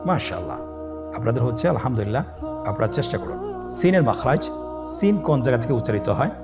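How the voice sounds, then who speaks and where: A man speaking at medium pitch and a quick pace teaches Quranic Arabic letters gradually and patiently. His accent is Bangladeshi, music plays in the background, and he draws out each letter's sound for his listeners to repeat.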